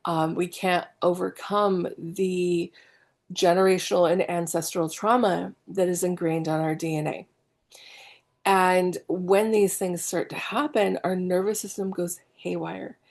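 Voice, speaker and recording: Middle-aged woman with a gravelly low voice. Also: level tone, measured pace, darkish tone. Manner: chatty, many fillers and asides. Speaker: spiritual healer teaching an online class. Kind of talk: casual teaching talk. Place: home.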